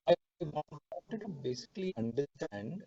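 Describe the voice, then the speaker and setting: A man's voice: a little high, sing-song, measured pace, vocal fry, dark tone, slight background noise. A polite male analyst speaks through a weak online call link that keeps breaking up. His audio comes through dull and muffled, as if from a video call with a poor signal. He addresses people deferentially as he asks his questions. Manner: polite and deferential, often saying sir. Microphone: computer or phone on a video call.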